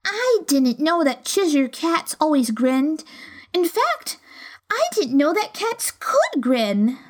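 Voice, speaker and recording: A woman's voice: high-pitched, big pitch swings, slow, voice pushed up, full character voice. A woman reading a storybook voices a polite, slightly timid young girl.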